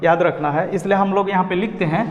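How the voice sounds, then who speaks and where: A man teaching an English pronunciation lesson, spelling letters out and repeating each word slowly. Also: high-pitched, steady tone, dull audio. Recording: echoey room with long reverb.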